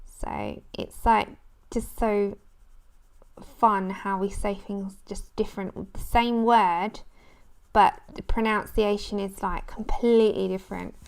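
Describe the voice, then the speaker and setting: A woman's voice: mid-range voice, fairly even intonation, slow pace, gravelly, clean tone. A woman chatting casually and rambling as she hosts a craft livestream, breaking off to talk to viewers. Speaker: livestream host. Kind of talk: casual craft livestream chat while colouring.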